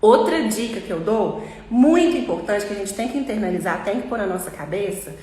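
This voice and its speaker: A woman's voice: medium pitch, expressive, a little fast, mellow. Brazilian woman teaching in an echoey room. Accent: Brazilian Portuguese. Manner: patient, explains step by step, repeats key points. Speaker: English teacher. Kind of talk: informal online English lesson. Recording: echoey room with long reverb and faint ambience.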